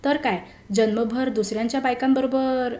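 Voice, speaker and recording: A woman's voice: on the high side, steady tone, normal speed, dark tone, lightly acted. A woman doing an earnest young friend. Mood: grave. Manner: grave, earnest warnings. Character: earnest young man, old college friend, serious. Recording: roomy echo.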